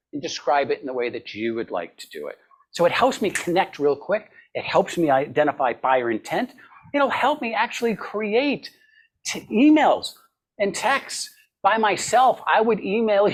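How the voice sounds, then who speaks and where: A man on a business roundtable who talks about sales in an animated, storytelling way, slipping into the voices of the people he quotes. His voice is on the husky side, and it sits a bit higher than most men's. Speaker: sales trainer and panelist. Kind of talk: roundtable discussion.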